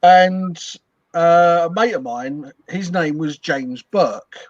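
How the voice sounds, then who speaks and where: A man's voice: a little high, slow, dry recording. An English man co-hosting a casual chat, telling stories with hesitant fillers. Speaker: co-host. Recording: dull dry lo-fi mic.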